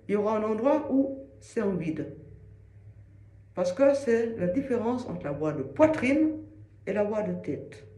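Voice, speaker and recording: Animated, high-voiced man teaching singing. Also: roomy sound, rough recording. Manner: explains patiently with everyday comparisons. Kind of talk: informal voice lesson addressed to one student.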